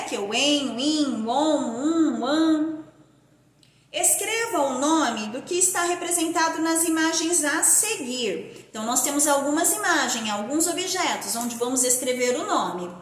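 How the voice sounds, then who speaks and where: Female primary teacher from Brazil, slow and deliberate phonics drilling. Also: high-pitched. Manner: slow, drawn-out syllable-by-syllable pronunciation. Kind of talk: primary school phonics lesson. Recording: echoey room.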